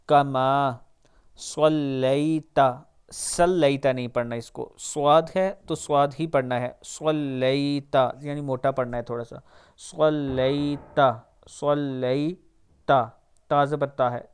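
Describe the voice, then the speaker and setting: A man with a Pakistani Urdu accent teaching the pronunciation of a prayer, drawing each word out slowly, then explaining quickly. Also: medium pitch, clean tone. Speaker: Quran recitation teacher. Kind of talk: pronunciation lesson.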